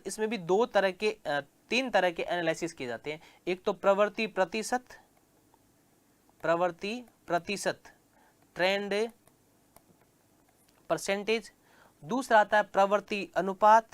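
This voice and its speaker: A male commerce teacher, lecturing and slowly repeating key terms, asking the class questions and answering them himself. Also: high voice, clear, resonant tone.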